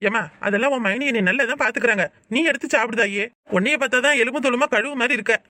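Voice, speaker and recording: In lightly acted cartoon voice work, a performer plays a peacemaking older father, pleading and placating in a Kanyakumari Tamil accent. The mid-range voice is rapid-fire, pushed, and bright. The studio recording is clean, with no room sound.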